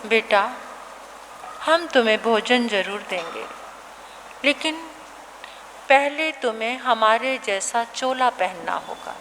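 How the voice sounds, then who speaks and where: A woman doing a calm, gentle old monk. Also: on the high side, takes it slowly, pauses often, pitched below the performer's own voice. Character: calm older male monk, gentle and firm. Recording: reverberant hall, faint background noise.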